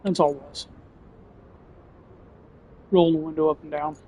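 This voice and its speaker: A man's voice: on the high side, level tone, moderate pace, a little mellow, rough recording. A man giving casual gameplay commentary as a gaming channel host, chatty, with joking asides.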